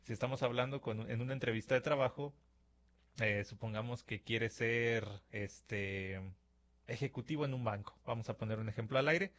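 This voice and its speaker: Speaking at a studio microphone, a Mexican man with a Mexican Spanish accent hosts a radio-style podcast, giving a reflective monologue to listeners. His voice is medium-pitched, a bit bright, and at normal speed, and he's conversational, acting out imagined dialogues with filler words.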